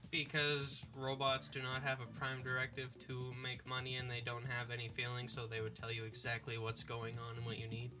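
A man's voice: mid-range voice, completely flat delivery, fairly quick, hardly any pauses, sharp tone, soft background music. A man being interviewed as a guest on a casual radio show, giving short, matter-of-fact answers. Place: radio studio.

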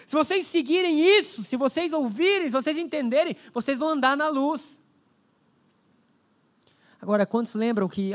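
A man's voice: sits high, darkish tone. A man preaching a sermon as pastor, emphatic, repeating key phrases and acting out prayers. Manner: acts out prayers in a lifted voice.

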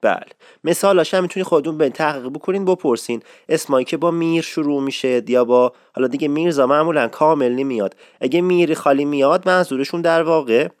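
A man giving a casual spoken lesson on dialect forms of address, repeating key words slowly for emphasis. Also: fairly high pitch, no room sound, clean studio sound. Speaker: dialect teacher.

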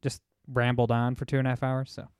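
A man's voice: medium pitch, monotone, a little fast, clean tone, no room sound, clean studio sound. A young man hosting a podcast, talking casually in a loose, joking, rambling way. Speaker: podcast host.

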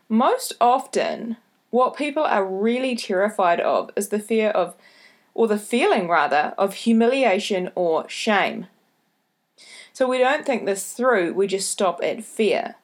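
Female podcast host, broad Kiwi accent, slow and deliberate, medium pitch, motivational advice straight to listeners. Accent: broad New Zealand (Kiwi). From New Zealand. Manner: deliberately slowed, careful delivery with repeated key points.

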